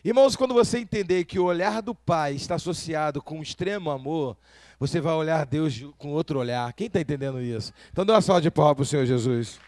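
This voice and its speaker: A man's voice: on the high side, quick pace, darkish tone, no room sound. A man from Brazil preaching a sermon, often asking the congregation rhetorical questions. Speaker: pastor.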